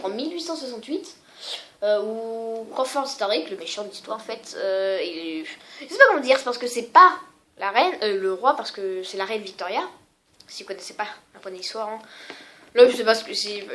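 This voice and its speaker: Une femme qui présente ses jeux vidéo sur un ton décontracté, en hésitant souvent et en se moquant d'elle-même. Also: female voice, mid-range voice, a bit bright. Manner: rambling, many fillers and self-mocking asides. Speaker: gaming vlogger. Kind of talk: casual video game showcase.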